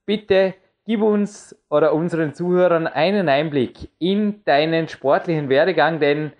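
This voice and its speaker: A man's voice: fairly high pitch, measured pace, darkish tone. A man hosting a radio interview, asking leading questions and interjecting to clarify points. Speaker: podcast host and interviewer.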